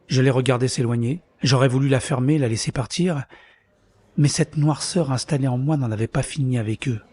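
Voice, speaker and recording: A man's voice: medium pitch, brisk, husky, close to an everyday voice. A man narrating his own story in the first person in an audio drama, bitter and introspective. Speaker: narrator and lead character. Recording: soft music underneath.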